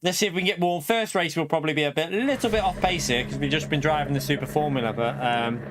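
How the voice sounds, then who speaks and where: A man's voice: a little high, quick pace, background noise. Joking British man in his forties, streaming. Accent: British English. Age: 40s. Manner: jokey, laughs often, banters with his partner. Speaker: sim racing streamer. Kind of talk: casual live-stream chat.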